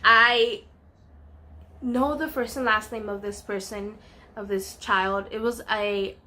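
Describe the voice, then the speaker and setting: A woman's voice: medium pitch, fairly even intonation, takes it slowly, sharp tone. A woman casually telling a personal story in a vlog, earnest and full of "um" and "you know".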